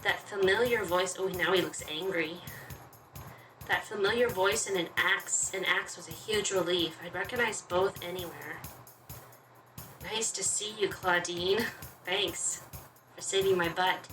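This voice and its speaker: A chatty, reactive woman plays a game and comments, reading its story text aloud expressively in let's play style. Her lowish voice has a bright, forceful tone at a measured pace, and the roomy, distant recording carries game music behind her.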